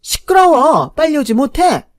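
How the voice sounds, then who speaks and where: A woman voicing a snobbish middle-aged mother who talks down to others in a shrill, domineering way. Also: lively intonation, a little fast, close to an everyday voice. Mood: shrieking. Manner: shrieking, scornful, loud.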